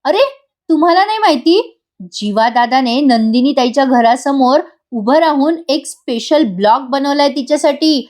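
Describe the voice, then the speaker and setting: A woman's voice: sits high, animated, normal speed, darkish tone, voice pushed up. A woman voicing a cheeky young girl who answers back bossily and impatiently.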